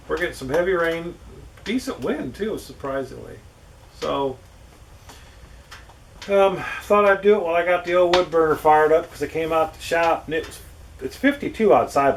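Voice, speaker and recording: Rambling, exasperated man, slightly high voice. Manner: exasperated, ranting, swears casually. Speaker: woodworking channel host. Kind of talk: casual rambling chat to camera. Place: small workshop with wood burner, rain on roof. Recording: distant mic, faint background noise.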